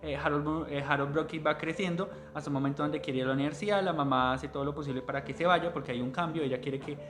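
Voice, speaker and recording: A man's voice: on the high side, steady tone, fast. A man presenting a book at a literary café, talking in a hesitant way and often correcting himself. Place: public library.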